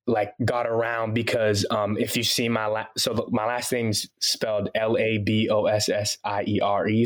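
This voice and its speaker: A young Haitian-born man raised in Boston speaks with an American accent and a lowish voice. He's a podcast guest in a casual interview chat, laughing a lot and filling his talk with fillers.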